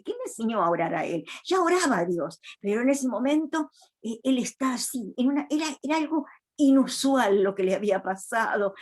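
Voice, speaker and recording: Woman, preacher, sermon, rather high voice, earnest, reflective storytelling. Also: darkish tone. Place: church.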